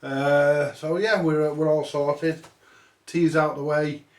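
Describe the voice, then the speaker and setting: Inside a cramped, cluttered electronics workshop, a middle-aged repair channel host with a stuffy cold rambles slowly through a fix, swearing offhandedly and teasing himself. His voice leans high and shows little pitch movement. He's far from the microphone, and the recording is reverberant.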